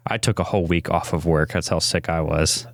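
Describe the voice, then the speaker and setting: A man co-hosting a podcast, telling stories in a casual, chatty way and getting animated when amused. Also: low voice, brisk. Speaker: podcast co-host. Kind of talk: casual chat.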